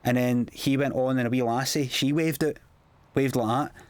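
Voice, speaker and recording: A man's voice: mid-range voice, steady tone, normal speed, no echo. Chatty Scottish man, dry commentary. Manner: chatty, self-mocking anecdotes in local slang. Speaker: comedian giving DVD commentary. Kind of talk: casual commentary.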